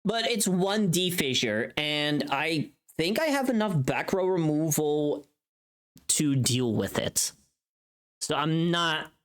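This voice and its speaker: Casual and profane, this livestream host thinks aloud while working on screen. The mid-pitched voice swings through very animated intonation.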